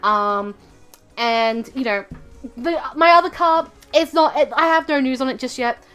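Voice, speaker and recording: A woman's voice: high-pitched, unhurried, a bit bright, smooth, soft background music. A young woman telling a rambling story to her stream as she draws, full of fillers and side remarks. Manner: rambling, with many fillers and asides. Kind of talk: casual storytelling while drawing on stream.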